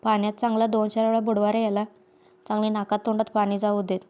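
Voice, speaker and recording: A woman's voice: medium pitch, monotone, fast, mellow, clear, resonant tone, close to an everyday voice. Woman reading as a stern village mother. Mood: scolding. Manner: scolding, commanding.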